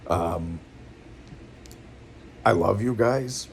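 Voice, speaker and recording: A middle-aged man with a New England accent and a low, deep voice talks through his feelings, weary and near tears. His speech is halting and rambling, full of restarts, earnest throughout. A faint hum of noise sits underneath. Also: creaky. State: weary and in pain, close to tears. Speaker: vlogger. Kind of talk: emotional personal venting. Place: at home, seated.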